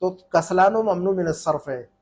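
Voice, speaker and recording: Male Arabic tutor, high husky voice, patient and repetitive. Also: moderate pace, a little mellow. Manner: explains patiently, repeats points, often asks "है ना?". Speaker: Arabic teacher. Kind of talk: informal online Arabic lesson.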